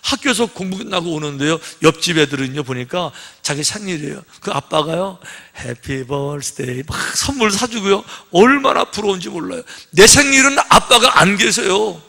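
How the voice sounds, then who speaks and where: High, bright-voiced preaching pastor. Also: male voice, expressive, normal speed, creaky, hardly any pauses. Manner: conversational preaching, rhetorical questions, acts out children's voices. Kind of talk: sermon. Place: church sanctuary. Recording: long reverb of a church hall.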